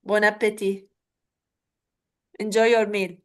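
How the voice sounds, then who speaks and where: A woman from Lebanon, working as a webinar trainer, runs an interactive online workshop in a Lebanese Arabic accent. Her medium-pitched voice is flat and slow. She repeats words and regularly checks in by asking "okay?".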